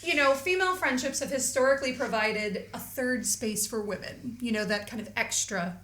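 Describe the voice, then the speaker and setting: Woman podcast co-host, casual chat, bright higher voice, lively with fillers. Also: moderate pace. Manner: lively, laughing, many fillers and restarts. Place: Edinburgh.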